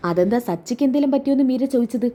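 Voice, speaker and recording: A blunt young man shares bad news offhandedly, as a woman plays him. The voice is dark and soft, pitched a touch high. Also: lively intonation, rapid-fire.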